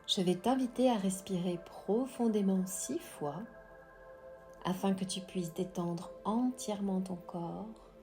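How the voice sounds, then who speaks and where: A woman guiding a breathing meditation in a soft, half-whispered, breathy voice, calm and slow with long pauses. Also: medium pitch. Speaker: guided meditation host.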